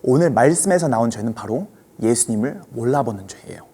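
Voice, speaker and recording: A man preaching a children's sermon, his pitch rising and falling in a lively, animated way. His voice is mellow and a little husky, and he speaks gently, often turning to the kids with questions. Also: a little fast.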